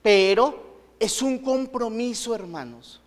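Preacher, male, high voice, conversational sermon full of rhetorical questions, long reverb. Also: takes it slowly. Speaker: pastor.

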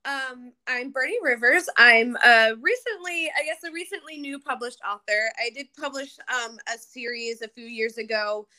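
Her voice is on the high side and sharp, moving at normal speed with hardly any pauses. She's an early-30s New Jersey woman guesting on a podcast, rambling informally in casual interview chat and using "like" often.

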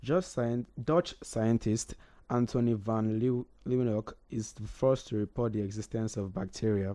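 A man's dark, lowish voice moves at a moderate pace as he co-hosts an informal radio conversation about history. He often falters and repeats himself while thinking things through.

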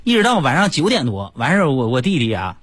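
A comedian telling funny stories in an animated comic monologue, stammering now and then. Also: male voice, mid-range voice, fast talker, breathy edge, no room sound, faint music behind.

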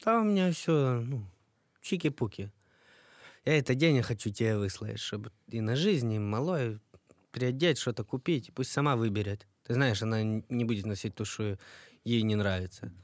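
Actor as a hot-tempered wounded soldier. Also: male voice, mid-range voice, lively intonation, moderate pace, no room sound, studio quality, natural voice. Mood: weary. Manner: speaks Russian on a speakerphone call, curses when angry. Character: wounded soldier son, harsh, quick-tempered. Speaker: actor in a radio play.

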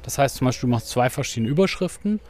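A man's voice: mid-range voice, lively intonation, fast, darkish tone. A man hosting a casual podcast, explaining things with frequent tag questions while he is out running outdoors. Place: outdoors, on the move.

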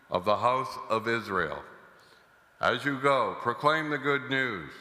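A man who is a priest, reading the gospel and preaching a homily slowly and deliberately, heard in a cathedral echo. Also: mid-range voice, sharp tone. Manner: slow, deliberate delivery. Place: large church. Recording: cathedral echo, long reverb.

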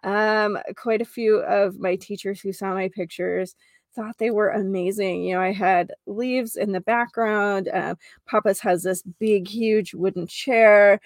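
An American woman hosting a casual spiritual show, talking in a gentle mystical healer manner with gushing, drawn-out emphasis. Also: medium pitch, fairly even intonation, no room sound. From North Dakota, United States.

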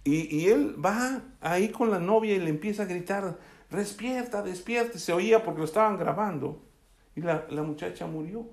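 A man's voice: sits high, normal speed. A man preaching a sermon, often asking his listeners for a yes as he goes. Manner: asks the congregation "¿sí?" often. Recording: echoey room.

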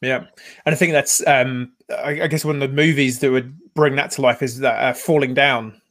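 A man in his forties hosting a casual podcast conversation, telling stories in a chatty, animated way with many filler words. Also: mid-range voice, moderate pace. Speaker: podcast host.

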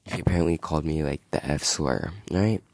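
This young male podcast host has a brisk bass voice that's a little mellow, captured in a dry recording. Out in the wind, he delivers a casual storytelling monologue, rambling and indignant, with heavy use of fillers.

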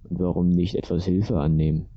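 A man's voice: low-pitched, level tone, fairly quick, dry recording. A man voicing an uncle in a storybook reading, talking in a light, coaxing way, on a dull lo-fi recording. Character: adult man, a friendly-sounding uncle.

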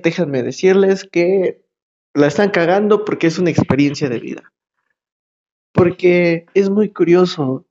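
A man's voice: fairly high pitch, darkish tone, dull audio. Chatty young Mexican man telling a story. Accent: Mexican Spanish. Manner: chatty, slangy, many fillers and restarts. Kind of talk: casual personal storytelling.

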